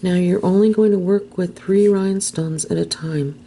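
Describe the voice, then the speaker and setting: Slow, low-voiced woman, gravelly and mellow. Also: steady tone, slight background noise. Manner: gentle, unhurried, dips into soft whispers while working. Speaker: craft tutorial host. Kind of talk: step-by-step craft instruction.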